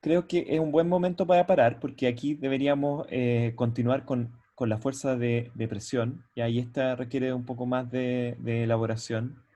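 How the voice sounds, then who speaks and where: A man's voice: mid-range voice, steady tone, mellow. Male lecturer teaching over a video call. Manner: explanatory, often checks in with "¿ya?"; halting, with frequent restarts. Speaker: university lecturer. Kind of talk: online university lecture. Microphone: computer mic on a video call.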